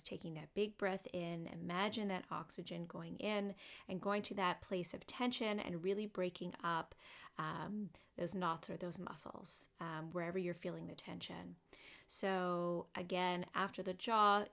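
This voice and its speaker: A woman psychotherapist talking through a guided body scan meditation in a gentle, unhurried way, with frequent fillers. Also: fairly low pitch, creaky.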